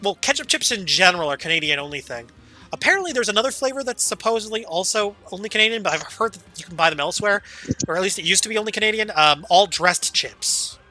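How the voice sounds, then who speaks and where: A man's voice: high-pitched, expressive, fast talker, sharp tone, soft background music. A man streaming a game, chatting casually and rambling, with a casual swear here and there. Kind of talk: casual gaming chat.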